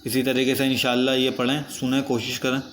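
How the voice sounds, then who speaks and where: Even-toned man teaching recitation rules. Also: medium pitch. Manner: patient, methodical explanation that repeats each rule. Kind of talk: step-by-step tajweed lesson. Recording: echoey room with faint background noise.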